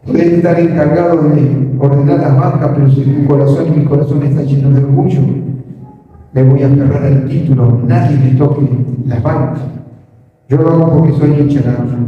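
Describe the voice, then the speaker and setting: A man's voice: sits high, very echoey, long reverb tail, recorded from a distance, muffled recording. A man preaching a sermon as pastor, with a Rioplatense accent, telling stories and acting out the voices of the people in them. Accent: Rioplatense Spanish. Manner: animated storyteller, acts out quoted voices. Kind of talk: sermon with storytelling. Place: large church hall.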